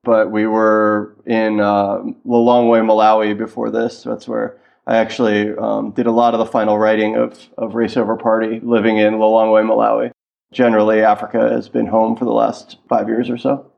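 A man's voice: on the low side, completely flat delivery, moderate pace, vocal fry. A man from Washington, D.C. answering interview questions thoughtfully over a remote line, with fillers and restarts. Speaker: guest historian. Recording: dull lo-fi call-in line.

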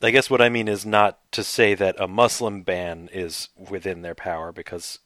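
A man co-hosting a casual political podcast, whose voice trails off quietly at the ends of phrases. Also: deep voice, flat delivery, normal speed, no echo, clean studio sound. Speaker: podcast co-host.

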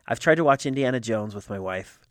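Excitable man in dry casual chat. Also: mid-range voice, fairly quick, no echo. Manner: excitable, laughs often, rises sharply when enthused. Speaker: podcast co-host.

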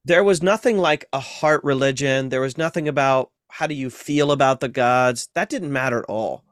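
Guy professor on a podcast, explains calmly with everyday examples, middle pitch, dry sound. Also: moderate pace, no echo. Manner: explains patiently with everyday comparisons. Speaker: guest, seminary professor and author. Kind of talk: explanatory interview talk.

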